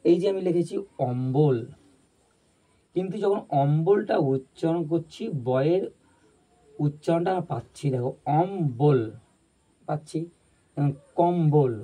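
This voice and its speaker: Dark-voiced, husky man teaching grammar. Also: on the high side, low-quality recording. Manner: explains step by step and repeats points; checks that viewers understand. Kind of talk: video lesson.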